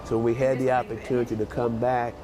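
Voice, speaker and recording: An older retired man being interviewed outdoors, talking in a reflective, halting way with restarts. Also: mid-range voice, level tone, over music. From United States. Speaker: retired volunteer English teacher. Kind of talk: documentary interview.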